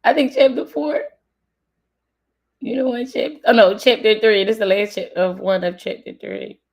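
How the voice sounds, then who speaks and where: A woman learning Spanish on a casual livestream, muttering to herself and repeating drills haltingly. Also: medium pitch, steady tone. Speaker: live streamer learning Spanish. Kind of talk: casual live self-study, repeating drills.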